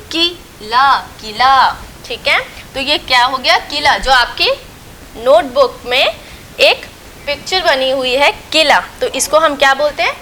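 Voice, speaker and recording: Recording an online lesson for young children, the teacher talks slowly and patiently in a bright voice that sits high. She repeats things and poses questions before answering them herself. The low-quality recording carries a little hiss or hum.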